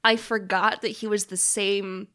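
A woman in her thirties chatting casually as a podcast co-host, giggly and quick to react. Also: medium pitch, little pitch movement, sharp tone. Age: 30s. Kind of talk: casual film chat.

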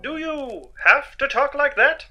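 A man's voice: very high-pitched, expressive, measured pace, muffled recording, over music. A man voicing a cheerful, earnest male space hero in a retro radio serial parody. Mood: polite, curious.

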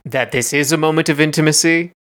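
A man's voice: on the high side, steady tone, quick pace, fairly bright tone. Laid-back man chatting hesitantly. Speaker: podcast co-host. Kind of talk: casual song-breakdown chat.

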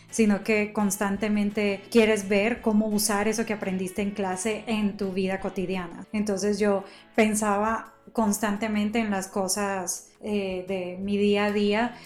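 A woman at a middle pitch speaks in relaxed conversation. She explains her thinking at length in a reflective, flowing way. Soft music lingers faintly behind her. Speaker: conversation partner. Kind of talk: casual conversation.

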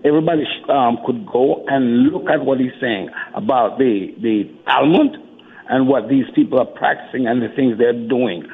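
A man's voice: mid-range voice, slightly rough. Man calling in on an echo-chamber phone line. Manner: halting, stumbling over words. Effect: echoey phone line with heavy reverb, like an echo chamber. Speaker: caller to a radio show. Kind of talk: phone-in call. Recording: tinny reverb-heavy phone line.

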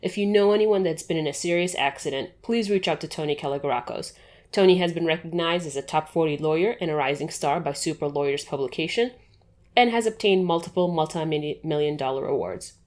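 A woman with a notably low voice hosts a podcast. She reads her introduction in a smooth, formal way, then talks more loosely as she asks questions. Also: fairly quick, darkish tone. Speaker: podcast host. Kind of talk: scripted intro then interview.

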